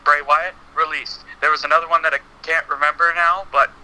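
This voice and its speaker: A man talking through a phone on speakerphone, chatting casually as a podcast guest, halting with many fillers. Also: fairly high pitch, flat delivery, a crowd in the background, rough recording. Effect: heard over a phone on speakerphone. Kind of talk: casual chat about wrestling games.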